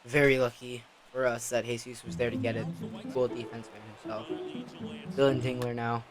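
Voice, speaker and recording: A man giving excitable let's-play commentary on a baseball video game, talking back at the game and pleading with players. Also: mid-range voice, fairly quick. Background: background music.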